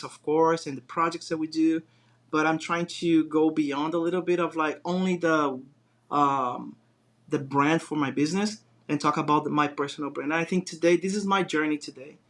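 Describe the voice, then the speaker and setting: A man from Brazil, a design business owner appearing as a guest, chats casually with a Brazilian Portuguese accent. His voice is a little high and a bit bright at a normal pace, and he rambles with many fillers and restarts.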